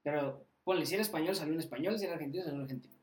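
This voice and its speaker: A man's voice: fairly high pitch, very fast. A young man with a Mexican Spanish accent, a podcast guest telling a story in a casual, slangy way with lots of swearing. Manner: slangy, swearing, animated anecdote with acted quotes. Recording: roomy echo.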